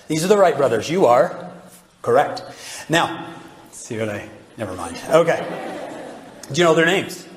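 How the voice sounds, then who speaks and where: A man with a slightly high voice gives an animated devotional talk, asking his audience one rhetorical question after another. His voice rings through a large, roomy hall and trails off in a long echo. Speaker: religious speaker addressing youth.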